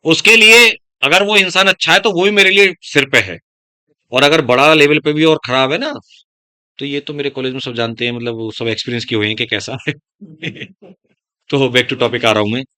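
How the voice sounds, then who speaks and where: A man's voice: mid-range voice, moderate pace, sharp tone, clean tone, dry recording, studio quality. Stern-voiced man teaching a class. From Uttar Pradesh, India. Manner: speaks of his own heavy, stern-sounding voice; addresses students as beta, digresses into life advice. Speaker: biology teacher. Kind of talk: classroom lecture.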